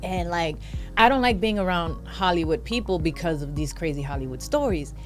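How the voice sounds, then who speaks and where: A woman comedian telling a story in casual chat, lively and quick to act out what others said. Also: fairly low pitch, over music. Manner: animated, acts out other people's lines. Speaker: comedian guest.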